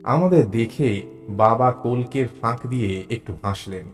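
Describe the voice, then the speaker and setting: A male actor narrates a suspense audio story at a measured pace in a natural, medium-pitched voice, expressively portraying a curious, mild, observant traveler. The mood is measured and atmospheric, set against background music.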